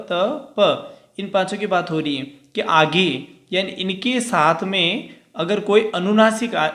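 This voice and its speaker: A man's voice: sits high, fairly bright tone, reverberant. A male teacher giving a grammar lesson, explaining step by step and answering his own questions.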